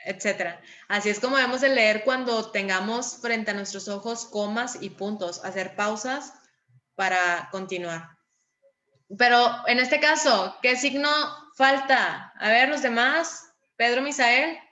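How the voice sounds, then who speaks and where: Lady teacher running a class, bright voice a bit high, patient and upbeat. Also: measured pace. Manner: encouraging, patient, reads examples with marked intonation. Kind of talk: online class lesson.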